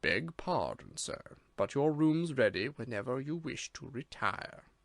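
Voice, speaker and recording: A man reading a storybook voices a solemn, deferential manservant with a slight Irish lilt, speaking quietly, gravely and always formally. The voice is mid-range and sing-song at a measured pace, captured in a dry, close recording.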